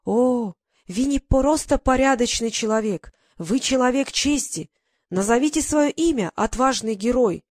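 A woman voicing a strong foreign man in uniform who speaks slowly and formally in broken Russian, in a storybook reading. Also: a little high, animated, darkish tone, no room sound, studio quality, pitched above the performer's own voice. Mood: grateful. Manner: slow, emphatic, formal.

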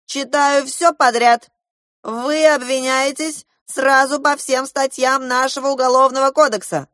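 A woman voicing a furious, blustering male army general in a storybook reading, shouting orders. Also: high-pitched, flat delivery, a little slow, no echo, clean studio sound, pitched above the performer's own voice. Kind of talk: audiobook character voice.

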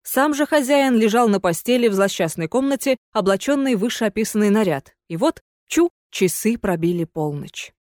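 A woman reading a story aloud as an expressive audiobook narrator. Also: mid-range voice, moderate pace, few pauses, no echo, studio quality. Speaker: audiobook reader.

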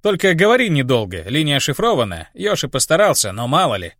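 A man reading an audiobook, voicing an easygoing male companion who speaks in a relaxed, low-key way. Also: fast, no echo, clean studio sound. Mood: calm.

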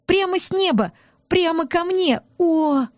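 A woman voicing an excited little girl in high, breathless squeals. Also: measured pace, dry recording, studio quality.

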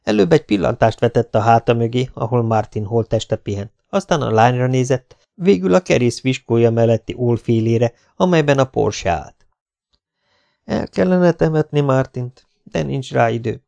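A man reading an audiobook as narrator, with steady storytelling. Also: mid-range voice, vocal fry. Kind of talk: scripted narration.

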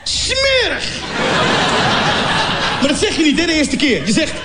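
A man's voice: very high-pitched, sing-song, fast, a loud crowd, heavy background noise. A man from Morocco telling a stand-up comedy story, acting out scenes with sound effects and mock voices.

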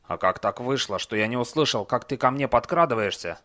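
A man voicing a slow-witted male troll in an audiobook, rambling and excitable. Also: medium pitch. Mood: nervous. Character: dim-witted male stone troll guarding a bridge.

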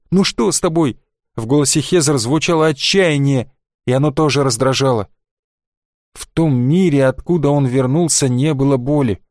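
Male narrator, measured literary reading, dry close mic. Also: mid-range voice, no echo. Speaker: audiobook narrator. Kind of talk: scripted narration.

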